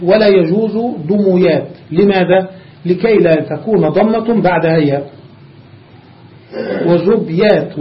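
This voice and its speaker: High-voiced sheikh drilling grammar on dull tape. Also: male voice. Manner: quizzes students with rhetorical questions; recites word forms one after another in a measured, drilling way. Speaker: sheikh teaching Arabic grammar. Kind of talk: classroom lecture on grammar. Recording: dull lo-fi lecture recording.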